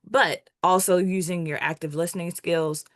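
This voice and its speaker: Low-voiced woman, dry close sound. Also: fairly even intonation, normal speed, dry recording. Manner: sums up and reinforces the main points. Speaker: co-presenter. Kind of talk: online workshop presentation.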